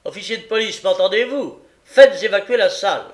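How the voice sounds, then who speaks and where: A man reading aloud and voicing a gruff, grumbling male police magistrate who scolds harshly. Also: sits high, a little slow, pitched above the performer's own voice. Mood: scolding.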